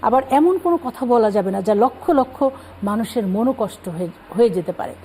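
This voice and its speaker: Woman guest scholar, calm explanatory delivery, relaxed tone, light background hiss. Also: fairly high pitch, brisk, poor audio. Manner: calm explanatory, cites scripture. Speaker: religious guest speaker. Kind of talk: Islamic talk show explanation.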